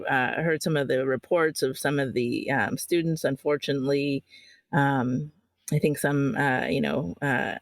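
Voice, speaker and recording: A podcast host in their thirties with a middle-pitched voice, recorded in a dry, close setting with no room sound. They talk hesitantly in casual conversation, full of fillers and restarts, and laugh easily. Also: fairly bright tone, no room sound.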